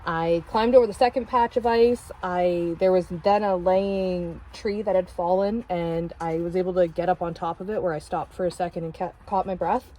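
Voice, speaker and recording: A woman's voice: fairly low pitch, fairly even intonation, normal speed, few pauses, dark tone, poor audio. A woman co-hosting a kayaking vlog, telling in vivid detail how she fell into a river. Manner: vivid, detailed retelling of a mishap. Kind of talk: casual storytelling.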